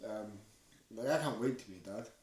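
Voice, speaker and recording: A man's voice: on the low side, a little fast, darkish tone. A young man in casual, bantering couple chat, blokey and playfully boastful, as in a vlog. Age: young adult. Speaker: vlogger in a couple's Q&A. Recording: echoey room, distant microphone.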